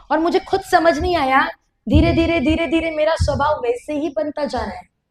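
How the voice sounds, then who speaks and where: A woman's voice: high-pitched, darkish tone, poor audio. A woman preacher giving a candid personal testimony in a sermon, speaking directly to her audience.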